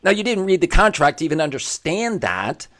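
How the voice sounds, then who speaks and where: A man hosting a commentary show, with a voice pitched a little high for a man. He talks in an emphatic, preachy way and hammers each point home by repeating it. He is blunt, and he is just as blunt about himself. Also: very animated, a little fast, a bit bright. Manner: blunt and self-deprecating. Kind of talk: opinionated commentary monologue.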